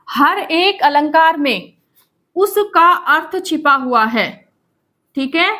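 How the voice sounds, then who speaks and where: A woman teacher explaining a grammar lesson patiently, often checking in with the class and reading verse lines slowly. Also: sits high, a bit bright. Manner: calls students "बेटा".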